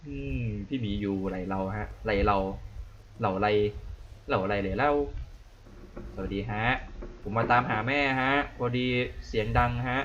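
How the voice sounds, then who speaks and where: A man's voice: on the low side, moderate pace, a bit bright, lo-fi sound. Young guy playing a scary game, talks nonstop so he won't get scared, yelps a lot, bit of hiss behind. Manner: chatty, keeps talking to beat his fear; jumpy exclaims in alarm. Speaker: gaming channel host. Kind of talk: horror game let's play commentary.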